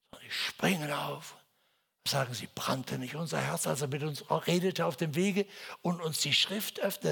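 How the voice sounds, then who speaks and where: A man preaching a sermon with a dramatic delivery, moving from hushed whispers to loud exclamations. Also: on the high side, gravelly, slightly rough.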